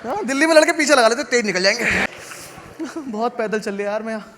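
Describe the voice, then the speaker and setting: Performing live before a laughing audience, this high-pitched, quick-talking comic from India is expressive as he does crowd work and tells sardonic stories in a conversational style, breaking into sudden loud outbursts. The show recording is noisy.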